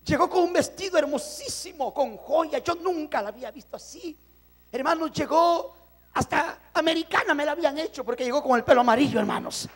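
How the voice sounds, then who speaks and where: Male preacher from El Salvador, very high voice, impassioned testimony sermon to a congregation. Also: brisk, fairly bright tone. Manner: impassioned, addresses congregation as brothers.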